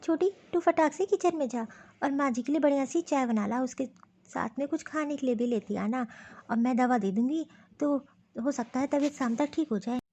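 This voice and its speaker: A woman's voice: high voice, normal speed, mellow. A woman voicing a caring eldest daughter-in-law in a cartoon story; she speaks in a practical way and gives instructions.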